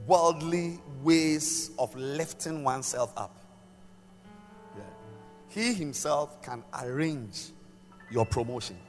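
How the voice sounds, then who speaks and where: An older male preacher delivers a sermon at a slow, deliberate pace. He pauses often and repeats phrases to drive them home. His voice rings through a large hall with long reverb, and music plays behind him. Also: mid-range voice. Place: large church hall during a service.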